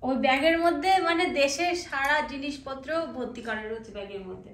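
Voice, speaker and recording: A woman's voice: high-pitched, lively intonation, fairly quick, a bit bright, far from the mic, a little hiss or hum. A woman from India chatting casually to her viewers in a home vlog, with frequent hesitant fillers as she talks, recorded on a phone at home. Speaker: homemaker vlogger. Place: family home indoors. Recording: echoey room, voice set back from the mic.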